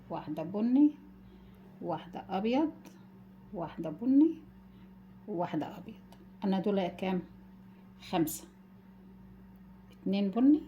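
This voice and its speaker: Woman, Egyptian accent, low pitch, warm dark tone, cooking host, gentle step-by-step, affectionate toward viewers. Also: a little hiss or hum. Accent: Egyptian Arabic. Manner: calls viewers "my dears", gentle step-by-step guidance. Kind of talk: casual home cooking demonstration.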